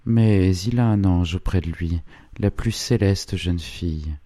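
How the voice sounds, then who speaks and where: A man voicing an old village priest with a gently insinuating, persuasive manner, in an audiobook reading. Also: sits low, unhurried, dry recording. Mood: coaxing.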